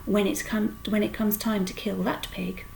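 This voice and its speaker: A woman's voice: mid-range voice, level tone, moderate pace, creaky, a little mellow, a little hiss or hum, natural voice, rough recording. Woman voicing a plain-spoken farmer. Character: plain-spoken middle-aged farmer man.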